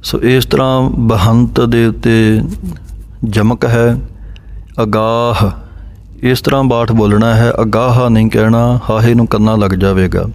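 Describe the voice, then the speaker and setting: Man slowly chanting verses, then explaining. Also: medium pitch, level tone, darkish tone. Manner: slow measured chanting of verses, then spelling out letters and pauses. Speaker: scripture recitation teacher. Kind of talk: recitation lesson on Sikh scripture pronunciation.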